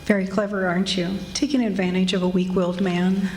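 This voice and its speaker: Haughty society wife played by an actress, echoey room. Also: female voice, mid-range voice, level tone, fairly quick, darkish tone, lightly acted. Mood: indignant. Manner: stern, snooty. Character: haughty middle-aged society wife, frosty and domineering. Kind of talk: 1940s radio drama acting. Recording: echoey room with background noise.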